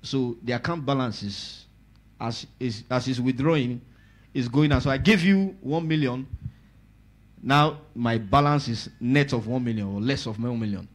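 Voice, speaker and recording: A man preaching a church sermon, reading scripture aloud and growing loud and emphatic on key words while calling on the congregation to answer. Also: mid-range voice, normal speed. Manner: lively, rises loud on key words, asks the congregation to repeat. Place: church service.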